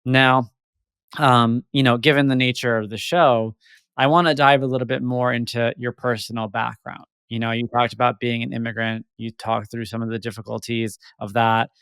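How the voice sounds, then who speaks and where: Male podcast host, gravelly with a dry, close sound, rambling thoughtful questions. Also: medium pitch, flat delivery, normal speed, fairly bright tone, dry recording. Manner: rambling, thoughtful, many fillers and restarts. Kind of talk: interview podcast.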